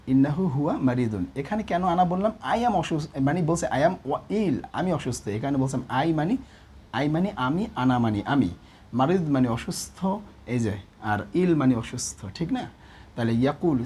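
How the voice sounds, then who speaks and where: Patient male teacher with a mellow voice. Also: medium pitch, lively intonation, moderate pace, breathy edge. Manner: explains patiently with repeated check questions. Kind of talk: classroom grammar lesson.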